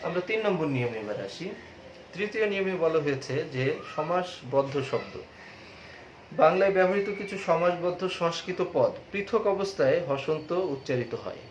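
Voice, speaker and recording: A man's voice: fairly high pitch, animated. Man lecturing in an echoey classroom. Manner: explains slowly, repeats and stretches example words. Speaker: teacher. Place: classroom with a board. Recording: echoey room, dull sound, faint hiss.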